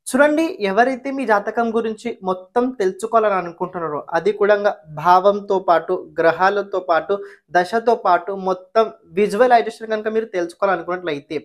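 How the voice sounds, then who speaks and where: A woman's voice: mid-range voice, normal speed. A woman astrologer giving a horoscope forecast, explaining planetary positions and giving viewers direct advice, often repeating key phrases for emphasis.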